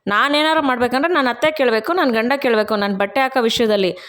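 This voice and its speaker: A woman's voice: fairly high pitch, quick pace, fairly bright tone, natural voice. Woman doing a sassy defiant young bride. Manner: sassy, talks back, mixes English words. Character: brash modern young woman, defiant new daughter-in-law.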